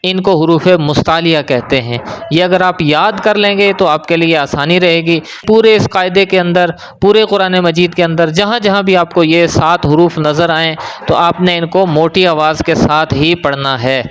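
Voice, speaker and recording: A man teaching a beginners' Quran reading lesson, explaining how to say each letter and then chanting it out slowly. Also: a little high, a bit bright, a little hiss or hum. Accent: Pakistani. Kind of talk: step-by-step recitation lesson.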